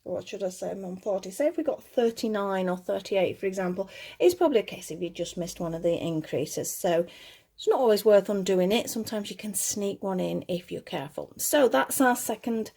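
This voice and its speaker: This is a casual step-by-step crochet lesson hosted by a woman whose mellow, slightly gruff voice sits at a middling pitch, lower than her normal one. Her delivery is expressive and fairly quick as she chats, fixes her own slips, and puts beginners at ease.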